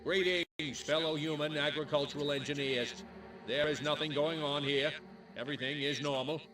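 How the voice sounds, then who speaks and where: A man voicing a male alien invader who badly poses as a human official, speaking with stiff, flat, robotic fake-human politeness in a video game. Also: on the high side, moderate pace, lightly acted. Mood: mock-friendly. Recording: distant game audio with music.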